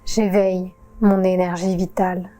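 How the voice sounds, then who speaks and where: A woman yoga teacher guiding a relaxation session in a calm, soothing voice-over with long pauses. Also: lowish voice. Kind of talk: guided relaxation narration.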